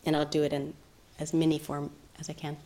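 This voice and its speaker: Woman meditation teacher, lowish voice, soft and reflective delivery. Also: completely flat delivery, fairly quick, slight background noise. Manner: soft-spoken, thoughtful, with gentle laughs. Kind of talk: reflective dharma talk.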